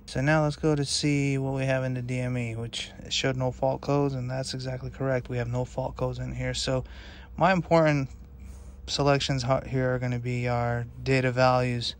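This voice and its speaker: A man's voice: mid-range voice, vocal fry. Mechanic guy chatting casually while he pokes at a scan tablet in the car, laid-back, some ums. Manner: relaxed, matter-of-fact, with fillers. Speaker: auto mechanic reviewing a scan tool. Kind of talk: casual hands-on demo narration. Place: inside a car in a workshop.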